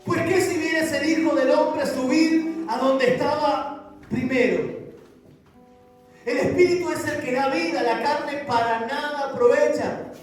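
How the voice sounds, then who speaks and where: A man's voice: very high-pitched, fairly even intonation, a little slow. A man preaching a sermon as pastor, reading scripture aloud and acting out its quotes with fervor. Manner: fervent preaching, voicing scripture quotes dramatically. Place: church hall. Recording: echoey hall, voice from a distance, music behind. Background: music.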